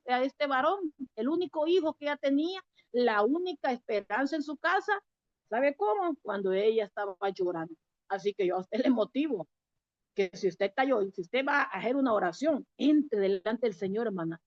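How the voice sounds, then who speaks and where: Female preacher, fairly high voice, chatty sermon full of questions, dry and dull recording. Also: no echo. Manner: conversational, direct address with rhetorical questions.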